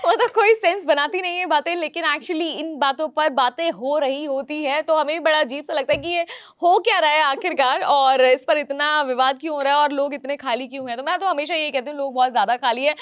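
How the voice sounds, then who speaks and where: A woman's voice: sits high, brisk, fairly bright tone, no echo, lo-fi sound. A woman co-hosting a casual chat, talking in an opinionated way with frequent fillers. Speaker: co-host.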